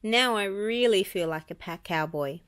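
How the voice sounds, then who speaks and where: A woman reading a children's storybook, voicing a cheerful, excited male cartoon mouse with exclamatory delivery. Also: mid-range voice, moderate pace, clear, resonant tone, natural voice.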